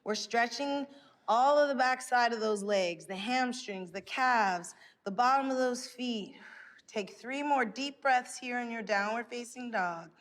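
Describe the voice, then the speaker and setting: A high-pitched woman leads a stretching workout while exercising along. She gives slow, encouraging instructions with timed breathing cues. Her voice rings with long reverb, as in a hall. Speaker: fitness instructor.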